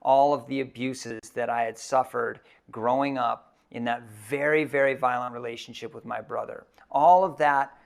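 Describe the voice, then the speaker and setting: Gravelly man telling a personal story. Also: mid-range voice, fairly even intonation. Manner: reflective, halting with fillers. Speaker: keynote speaker.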